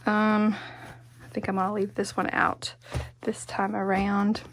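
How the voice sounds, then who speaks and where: A woman's voice: medium pitch, monotone, measured pace, a little hiss or hum. A woman giving a casual hands-on craft tutorial as the instructor, chatty and musing, often talking to herself as she goes. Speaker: quilting instructor and host.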